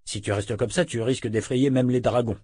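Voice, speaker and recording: A man's voice: medium pitch, fairly even intonation, fairly quick, dark tone, husky, dry recording, studio quality, lightly acted. A man playing a teasing joking man. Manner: joking, playful. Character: teasing good-humored adult man.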